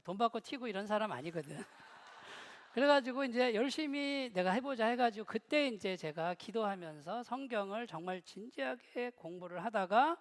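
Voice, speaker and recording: A man's voice: high-pitched, animated, moderate pace. A middle-aged man preaching a sermon in a church hall, telling stories with humor and joking with the congregation. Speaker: pastor.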